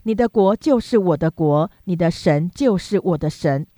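Figure: devoted young widow, read by a woman. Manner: earnest, loyal, slightly lifted pitch. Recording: dry and close. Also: expressive, normal speed, dark tone, dry recording, lightly acted.

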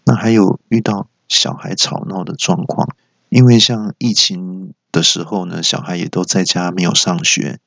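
A man hosting a comedy podcast, telling a joke monologue in a deadpan storytelling manner, recorded slightly dull and lo-fi. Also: sits low, normal speed, gravelly, dry recording. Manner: deadpan storytelling, explains his own jokes. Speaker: stand-up comedy podcast host.

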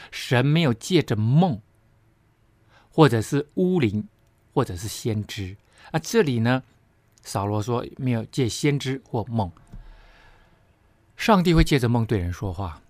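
A man's voice: medium pitch, darkish tone, no echo. A man teaching a Bible study lesson, explaining step by step with frequent tag particles and emphatic asides.

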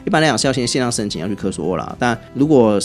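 A man with a Taiwanese Mandarin accent, a guest on a podcast, telling travel anecdotes in a chatty, animated way. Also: medium pitch, racing, faint music behind. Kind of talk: casual podcast storytelling.

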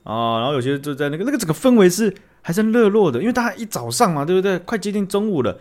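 A man co-hosting a casual podcast, telling stories in an animated, teasing way. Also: high-pitched, rapid-fire. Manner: animated, teasing storyteller who acts out scenes. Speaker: podcast co-host. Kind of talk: casual chat.

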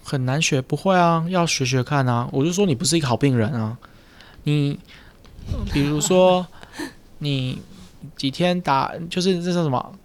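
Man explaining voice habits, slightly high. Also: moderate pace. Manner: explains patiently, teasing and joking. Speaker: speech therapist, podcast host. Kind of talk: casual explanatory podcast chat. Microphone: studio mic with headphones.

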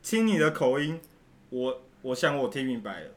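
A man's voice: mid-range voice, big pitch swings, moderate pace. Teasing male podcast host. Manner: teasing, plays straight man to the guest. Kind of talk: casual comedy podcast banter.

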